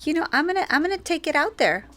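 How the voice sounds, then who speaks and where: A woman co-hosting a podcast, talking in an animated, provocative way. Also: high-pitched, quick pace, soft background music. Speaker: podcast co-host. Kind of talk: casual discussion.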